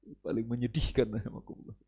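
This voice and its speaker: A man preaching in a mosque study session, animated, swinging from soft asides to loud exhortations. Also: mid-range voice, quick pace, gravelly, breathy edge, in a large hall. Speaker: Islamic preacher.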